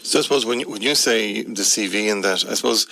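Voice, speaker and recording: A man's voice: fairly low pitch, quick pace, vocal fry, sharp tone, slight background noise. A man with a west of Ireland accent hosting an informal radio interview in a colloquial, probing way. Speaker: radio host.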